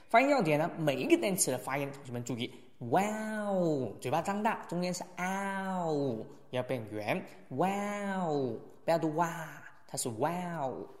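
A male teacher giving a spoken English lesson, slowly modelling phrases and then explaining them in quick asides. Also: a little high, in a large hall.

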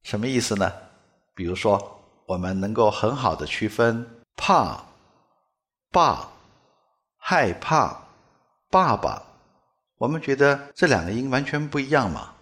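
A man's voice: mid-range voice, animated, normal speed, fairly bright tone. A man from China, a native Mandarin speaker, teaching English pronunciation in a spoken lesson and demonstrating sounds by repeating them with exaggeration. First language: Mandarin Chinese.

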